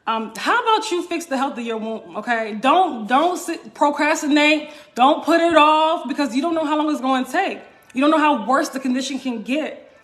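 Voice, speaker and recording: A woman wellness coach speaks to her online viewers in a high voice. She presses her points with repetition and keeps checking in with "right?" and "okay?". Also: a bit bright. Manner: emphatic, repeats points, asks "right?" and "okay?". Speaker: wellness coach hosting a live stream. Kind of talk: casual live-stream talk to viewers.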